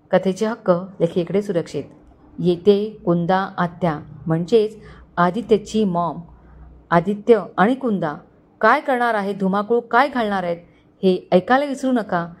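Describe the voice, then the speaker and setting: Expressive female storyteller. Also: medium pitch. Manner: expressive, lyrical. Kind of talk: storybook narration.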